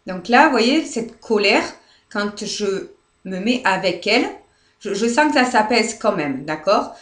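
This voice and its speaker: A French woman therapist guiding viewers through releasing anger, speaking softly and hesitantly, often asking "d'accord?" and near tears. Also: mid-range voice, animated, a little slow. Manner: soft, repetitive, often checks with "d'accord?"; hesitant, many fillers and restarts. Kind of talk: live guided demonstration. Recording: echoey room.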